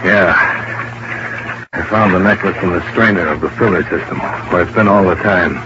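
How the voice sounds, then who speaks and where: A man's voice: low voice, normal speed. An actor playing a hard-boiled male investigator in an old-time radio drama, narrating in terse, clipped first person. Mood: grim. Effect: old-time radio broadcast. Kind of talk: 1950s radio drama acting. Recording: muffled vintage radio broadcast with hiss.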